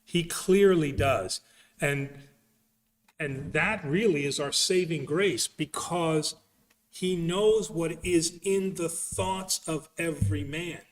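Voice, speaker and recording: A man with a slightly high voice speaks as a priest in a conversational religious Q&A, emphatic and halting, frequently repeating phrases as he explains. The recording sounds like an echoey hall with a distant mic.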